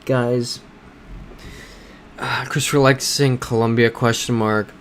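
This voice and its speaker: Slow and steady, an American man with a medium-pitched voice streams a map-guessing game and casually reads his viewers' messages aloud while reasoning through map clues. The recording has a little hiss or hum.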